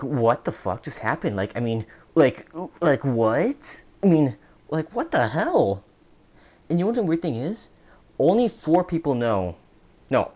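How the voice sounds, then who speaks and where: Rambling young man telling a story. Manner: rambling, with many restarts and acted-out quotes in a higher voice. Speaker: vlogger. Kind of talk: casual storytime monologue.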